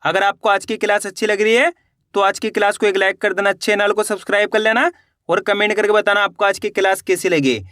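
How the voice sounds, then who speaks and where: A man teaching reading, sounding out each syllable slowly and patiently and landing lower on each finished word. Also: little pitch movement, pushed and bright, no echo, studio quality. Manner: patient, repetitive, drops pitch on each answer word. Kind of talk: spelling out syllables slowly for learners.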